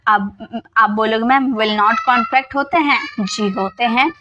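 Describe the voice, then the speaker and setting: A woman teaching English in a casual lesson, patiently explaining and repeating each example sentence slowly, often checking in with the viewer. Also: a little high, dull audio, noisy background.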